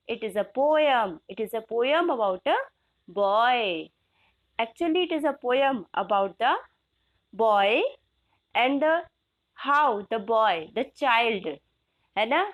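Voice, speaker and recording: Indian lady teacher going really slow, kinda high voice, mixes hindi and english, keeps asking okay?. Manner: slow, drawn-out recitation with rising checks like "okay?"; switches between English and Hindi to explain words. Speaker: regular teacher of the channel. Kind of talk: classroom lesson explaining a poem.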